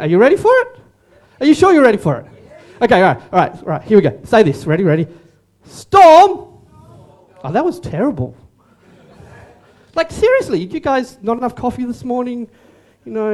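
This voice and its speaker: A man preaching a lively sermon, joking and calling on the congregation to answer back, often repeating his words. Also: high voice. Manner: animated, joking, repeats words, calls on audience. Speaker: pastor. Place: church service room.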